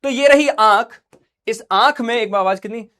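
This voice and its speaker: A man's voice: extremely high pitch, moderate pace, bright, forceful tone. A young man teaching a science class online, playful and joking, acting out little scenes for his students while feeling unwell.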